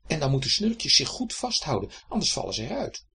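A storyteller reading a children's story aloud in a lively, expressive way, speaking directly to the young listener. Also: mid-range voice, brisk, breathy edge.

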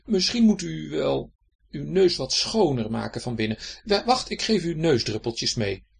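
Narrator doing a chill doctor, husky, matter-of-fact and reassuring. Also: medium pitch, sing-song, a little slow, pitched above the performer's own voice, heavily acted. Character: calm male doctor.

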